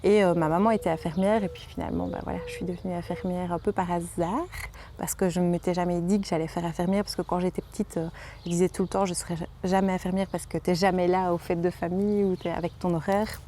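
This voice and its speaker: A woman in her late twenties speaks with a Liège Belgian French accent, her voice somewhat low. She talks through her life in a halting, casual way, full of fillers and restarts. Faint noise sits behind her. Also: steady tone, warm tone. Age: 20s. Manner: hesitant, many fillers and restarts. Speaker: interviewee, home nurse. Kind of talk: casual personal storytelling.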